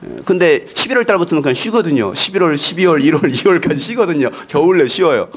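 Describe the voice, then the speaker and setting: A male pastor preaching a sermon, animated and playful, telling stories and acting out quotes. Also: fairly high pitch, fast talker, breathy edge.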